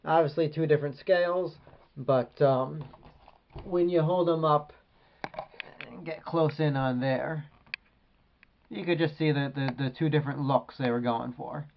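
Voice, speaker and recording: Man reviewing a toy, rambling, hesitant, fairly high voice, dull lo-fi sound. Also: fairly even intonation, measured pace, vocal fry, pauses often, slight background noise. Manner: rambling, hesitant, many ums. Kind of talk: casual video review.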